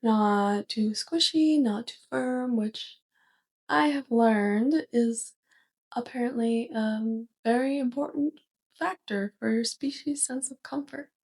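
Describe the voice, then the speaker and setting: A woman voices an awkward, curious, polite alien roommate in an ASMR roleplay, speaking softly, slowly, and in a stilted, over-formal, hesitant manner. Her voice sits on the high side, and she comes across as earnest and awkward.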